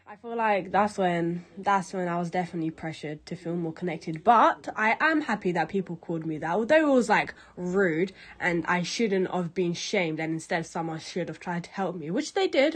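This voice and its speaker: A young woman, talking candidly in a casual interview. She rants a little and swears freely. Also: fairly low pitch.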